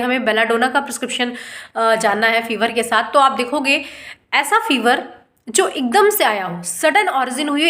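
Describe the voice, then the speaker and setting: High-voiced woman teaching homeopathy. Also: a bit bright. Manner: explains patiently, mixes English terms, asks rhetorical questions. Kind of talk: informal online lecture.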